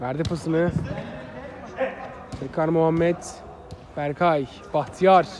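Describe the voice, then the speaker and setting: A man's voice: on the high side, steady tone, slow pace, a crowd in the background. A man commentates live on an amateur football match. He follows play in short, clipped phrases, often repeating the names of players as the ball moves.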